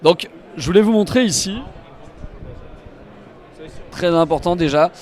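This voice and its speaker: A higher-pitched male company representative enthusiastically demonstrates products at a trade show in a live walk-through to camera. His pace is measured and his voice a little mellow, with the demo taking place at the stand and inside a car.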